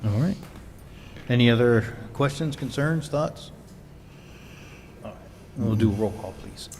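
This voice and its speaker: A man serving as mayor chairs a city council meeting in a relaxed, joking way, with plenty of fillers. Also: mid-range voice, unhurried. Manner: relaxed, jokey, many fillers. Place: council chamber. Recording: long reverb in a council chamber, faint noise.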